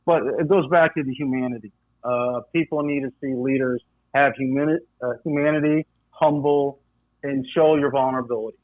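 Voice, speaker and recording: Middle-aged man, lively storyteller, many fillers, thin phone-like sound, dry. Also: medium pitch, brisk, no room sound. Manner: animated storyteller acting out voices, frequent fillers. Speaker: coin dealer guest. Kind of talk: storytelling in casual interview. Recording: tinny phone-like dry line.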